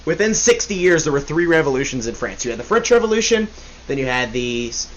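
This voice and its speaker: A man's voice: fairly high pitch, sing-song, quick pace, dull audio. A young man hosting a casual history podcast, rambling and joking, often correcting himself. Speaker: podcast host. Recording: faint hiss.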